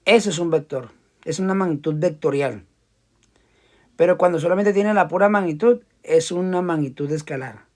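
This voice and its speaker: A man gives a relaxed physics lesson. He talks loosely and repeats himself as he explains a problem and sketches a diagram for his students. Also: a little high, normal speed. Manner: casual, repeats words while drawing. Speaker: physics teacher. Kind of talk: casual classroom lecture.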